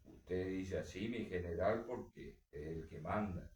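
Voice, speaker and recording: Guy reading a quiet bitter gaucho husband, speaks low and hushed, roomy echo. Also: a little slow. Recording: roomy echo, distant mic.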